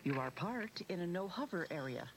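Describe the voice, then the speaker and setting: A woman's voice: on the low side, expressive, moderate pace, heavy background noise. A woman voicing a formal spaceport announcer who speaks over a PA system.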